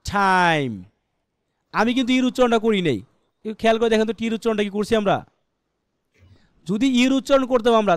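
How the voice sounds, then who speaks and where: A man's voice: very high-pitched, no room sound, clean studio sound. A man with a Bangladeshi Bengali accent teaching English pronunciation in a live online class, quizzing students and sounding words out letter by letter.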